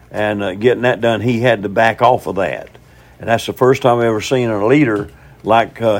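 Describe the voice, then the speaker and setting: A man preaching a teaching sermon on scripture, folksy and conversational, often asking his listeners questions. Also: medium pitch.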